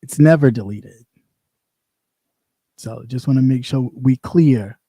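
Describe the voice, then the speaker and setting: Slow and warm with a breathy edge, this mid-range man's voice is recorded without room sound. A former radio host now streaming live, he has a light voice and rants casually, bluntly and with sass, repeating himself as he loops around.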